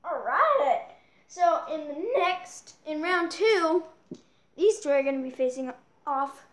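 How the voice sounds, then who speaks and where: Woman, high voice, unhurried delivery, excitable toy battle commentary, echoey room. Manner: excitable, with yelps and self-corrections.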